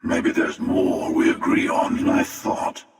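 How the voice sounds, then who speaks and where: A man playing a cynical, smug, menacing otherworldly hunter in a video game, with a breathy, gravelly, processed voice and an unhurried, taunting manner. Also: sits low, little pitch movement. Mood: coolly amused. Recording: echoey, long reverb, distant.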